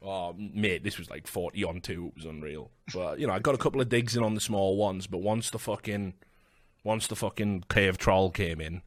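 A man in his thirties chatting casually and telling anecdotes in a sweary, blokey, animated way. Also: low-pitched, normal speed, no room sound, clean studio sound. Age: 30s. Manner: sweary, blokey, animated storytelling with acted-out quotes. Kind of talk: casual chat, telling bar-fight anecdotes.

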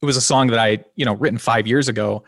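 A band's singer and guitarist chats casually in an interview, talking fast in a mid-range, creaky, slightly nasal voice. He's relaxed and rambling, restarting sentences and laughing softly, and the studio recording is dry and clean.

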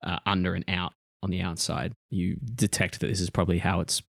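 A man with a fairly low voice acts as game master for a tabletop game. He improvises descriptions casually, and the sound is dry with little room on it. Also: little pitch movement, fairly quick, creaky, fairly bright tone, no echo.

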